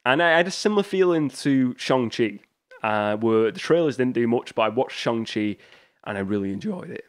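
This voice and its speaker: A man's voice: medium pitch, lively intonation, normal speed. A man hosting his own solo podcast, talking in a loose, chatty way with frequent fillers and restarts. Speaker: podcast host. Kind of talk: solo casual podcast talk.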